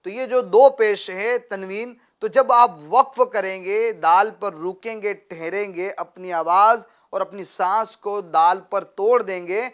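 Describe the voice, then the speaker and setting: A man's voice: high-pitched, hardly any pauses, a bit bright, smooth. A man teaching Quran recitation to a child, asking questions and having the pupil repeat after him, with frequent praise. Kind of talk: patient call-and-response teaching.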